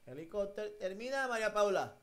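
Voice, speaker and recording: Lively, encouraging children's English teacher. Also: medium pitch, fairly quick. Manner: patient, encouraging, coaxing children by name. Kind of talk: online class for kids, mixing Spanish and English.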